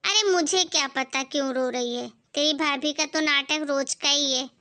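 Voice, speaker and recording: A woman's voice: sits high, moderate pace, pushed and bright. A woman voicing a stingy middle-aged mother-in-law who talks sharply and dismissively in a cartoon story.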